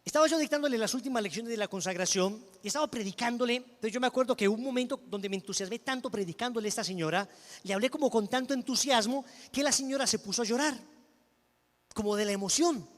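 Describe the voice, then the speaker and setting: A male preacher with a high voice delivers a sermon mixed with a personal testimony. He talks emphatically, moving from loud proclamation to hushed storytelling. His voice carries a long reverb, like a large hall. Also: fast.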